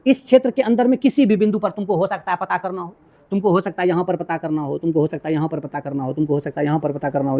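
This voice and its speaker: A male teacher explains physics in a lively classroom lecture. He keeps checking whether his students follow him and uses everyday household examples to make each point clear. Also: high-pitched. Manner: asks repeated check questions to students.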